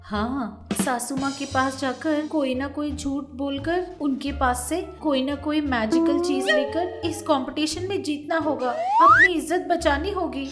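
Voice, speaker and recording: A woman voicing a boastful, touchy young wife who complains dramatically in a shrill, whiny voice. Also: a little slow, few pauses, echoey room. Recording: music playing underneath.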